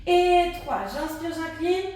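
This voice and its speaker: Woman pilates instructor, high voice, talks through the moves and breaths while exercising, far from the mic in a very echoey room. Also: animated, slow pace, darkish tone. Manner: cues breathing and counts reps while exercising along. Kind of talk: guided workout instruction.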